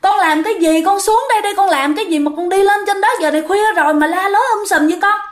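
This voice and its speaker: A frightened mother begs her son to come down, her voice high and anxious, acted by a Southern Vietnamese woman telling a ghost story. She sounds pleading throughout. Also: fast, echoey room.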